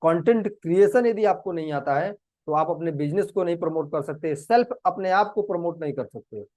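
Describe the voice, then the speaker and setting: A man with a fairly high voice teaches a live online class, walking through each step earnestly and repeating instructions. The sound is dry and close, with no room echo. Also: lively intonation, brisk, darkish tone. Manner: earnest, repetitive, explains step by step. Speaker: digital marketing teacher. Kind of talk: live screen-share class.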